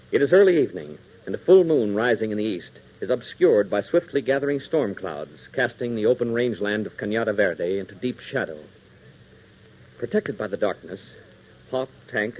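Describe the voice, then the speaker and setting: A man with a lowish, slightly mellow voice announces and narrates a 1940s radio adventure serial, speaking emphatically and folksily to young listeners. The recording is dull and lo-fi in 1940s radio style, with a little hiss or hum.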